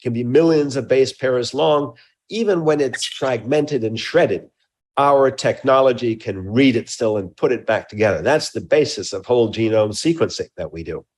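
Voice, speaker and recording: Interviewed as a scientist, a man explains his research with emphasis but haltingly, often repeating words. His voice is mid-range and a little mellow, with lively intonation.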